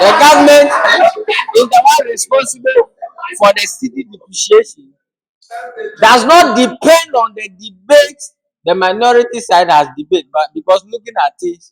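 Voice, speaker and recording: A man's voice: high-pitched, fairly bright tone, poor audio. A man speaking as a majority leader in parliamentary debate, insistently repeating phrases and pressing on through interruptions.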